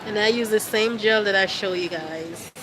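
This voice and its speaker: A young woman with a cold-stuffed nose livestreams to her fans, holding her phone at arm's length and chatting in a relaxed way full of fillers and laughs. Her voice is medium-pitched at a normal speed, the audio is poor, and crowd noise can be heard.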